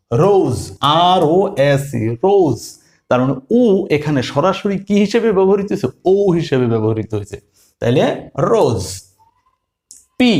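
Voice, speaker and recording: A man with a Bengali accent teaching English letter sounds slowly, repeating each one and putting questions to his learners. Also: a little high, darkish tone. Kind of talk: phonics lesson.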